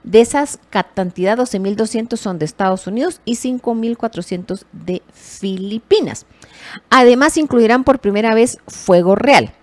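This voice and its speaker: A woman delivering news commentary in a casual, animated way, correcting herself as she goes. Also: on the high side, normal speed. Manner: lively, animated emphasis with self-corrections.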